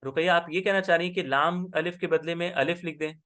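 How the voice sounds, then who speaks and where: A man with a somewhat high voice teaches a class. He explains patiently and keeps pausing to check that the student is following. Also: steady tone, a bit bright. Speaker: Arabic grammar teacher. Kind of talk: online class lesson.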